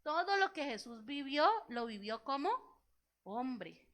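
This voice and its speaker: A woman's voice: high voice, big pitch swings, slow pace, fairly bright tone. A woman pastor giving a sermon in a church, telling a personal story, acting out what people said, and asking the congregation questions. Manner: storytelling, acts out quoted dialogue; asks the congregation rhetorical questions.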